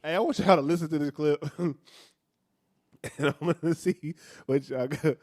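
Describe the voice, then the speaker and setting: A man co-hosting a podcast, bantering loudly, swearing and laughing a lot. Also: fairly high pitch, steady tone, moderate pace, dry recording, studio quality. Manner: loud, joking, laughs often, profane slang. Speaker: podcast co-host.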